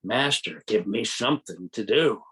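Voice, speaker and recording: Man putting on a deep, insistent demon servant. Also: animated, fairly bright tone, low-quality recording. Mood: insistent demand. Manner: slow, insistent, ominous demanding. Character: looming demon servant, growing huge, relentless.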